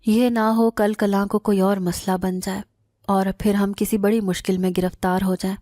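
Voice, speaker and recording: A woman's voice: medium pitch, level tone, warm tone, no echo, clean studio sound, close to an everyday voice. A woman voicing a worried middle-aged father in a spoken horror story, speaking in a grave, troubled way.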